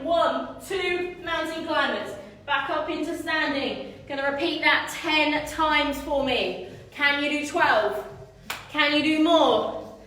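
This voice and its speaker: A woman's voice: high-pitched, fairly bright tone. A woman leading a live HIIT class as fitness instructor, urging people on with instructions, counts and cues. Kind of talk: live-streamed HIIT workout coaching. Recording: echoey room, distant microphone.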